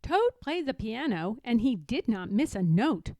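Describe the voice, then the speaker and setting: A woman's voice: a little high, big pitch swings, unhurried, mellow, no room sound. A woman reading a children's storybook aloud as the storyteller.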